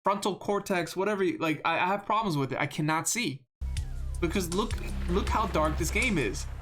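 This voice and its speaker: Music plays in the background as a game streamer rambles through live commentary in a monotone. He often repeats words and is hard on himself, speaking at medium pitch and normal speed.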